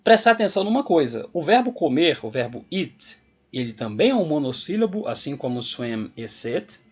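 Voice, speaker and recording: Husky-voiced Brazilian teacher explaining grammar. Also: male voice, on the high side, big pitch swings, normal speed. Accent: Brazilian Portuguese. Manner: patient, step-by-step explaining, repeating rules. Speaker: English teacher. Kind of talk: video lesson explaining grammar.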